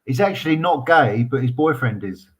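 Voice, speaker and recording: A man hosting a livestream, chatting casually in a relaxed, hesitant way. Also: mid-range voice, normal speed, husky. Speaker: livestream host.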